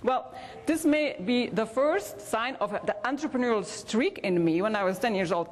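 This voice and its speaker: A Belgian woman with a Belgian accent and a fairly high voice gives a motivational keynote at a large convention hall. She shares personal anecdotes warmly, with small hesitations, and the recording echoes with the hall's reverb.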